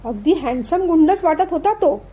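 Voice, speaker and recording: A woman voicing an excitable young college girl in a storybook reading, chattering eagerly. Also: extremely high pitch, normal speed. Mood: excited. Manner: excited, gossipy.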